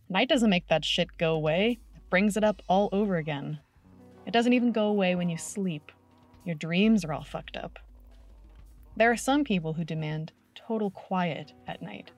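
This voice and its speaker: A woman giving a brash, sardonic, heavily profane comedic reading of a modern paraphrase of old letters. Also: on the low side. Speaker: reader.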